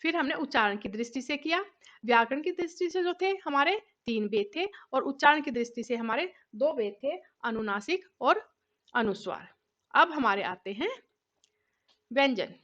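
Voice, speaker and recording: A woman's voice: sits high, expressive, normal speed, a bit bright, muffled recording. A woman teacher giving a recorded grammar lesson, patiently asking questions and answering them herself.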